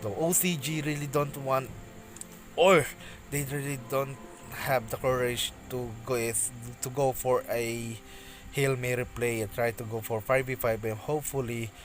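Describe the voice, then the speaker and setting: A mid-range male voice calls an esports match as practice, faint music behind him. The commentary keeps halting and starting over, punctuated by excited outbursts on big plays.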